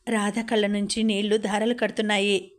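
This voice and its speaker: A woman narrating an audiobook novel at a steady, measured storytelling pace. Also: medium pitch. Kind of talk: novel read-aloud narration.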